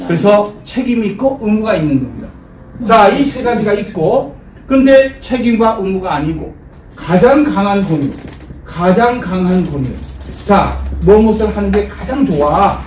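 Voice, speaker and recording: Man teacher running call-and-response English drills, high voice, roomy distant sound. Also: a little mellow. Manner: repeats English phrases slowly, cues class with "start". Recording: echoey room, distant mic, faint noise.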